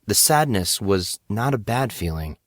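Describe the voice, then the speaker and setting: In a low voice, a man narrates fiction, his delivery measured, dramatic and plainly scripted, yet very animated. The recording is dry, with no room sound or echo.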